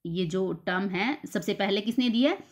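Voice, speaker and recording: A woman teacher explaining literature terms for an exam, slowly repeating key terms. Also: mid-range voice, animated. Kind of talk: exam-prep lecture.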